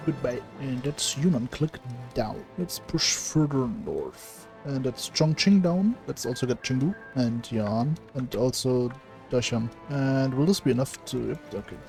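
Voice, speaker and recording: A man talking through a strategy game as a let's play host, in a middle-pitched voice. His delivery is casual and dry, with now and then a curse thrown in. Faint music plays underneath. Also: moderate pace, darkish tone. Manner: casual, dry, occasional swearing. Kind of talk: gameplay commentary.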